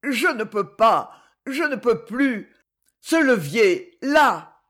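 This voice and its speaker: A hulking male servant gone half mad, his words torn out as roars and gasps, as an audiobook reader voices him. The voice is husky and swings sharply up and down, and he drags out his words slowly. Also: sits high, sing-song, heavily acted. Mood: desperate. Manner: roaring, gasping, broken cries. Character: frenzied, brutish giant male servant. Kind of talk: audiobook character reading.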